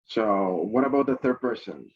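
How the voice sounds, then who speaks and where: A man's voice: lowish voice, animated, normal speed, slightly rough, dull audio. A male English teacher running an online class, repeating points and prompting students with questions over a video call.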